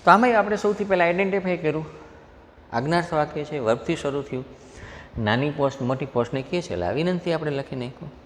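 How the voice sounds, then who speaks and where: Male teacher with a Gujarati accent, slightly high and animated, patient step-by-step explainer, recorded in a reverberant hall. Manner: explains step by step, reads example sentences slowly, asks the class questions. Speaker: English grammar teacher. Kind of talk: classroom lecture mixing Gujarati and English. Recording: faint noise, long hall reverb.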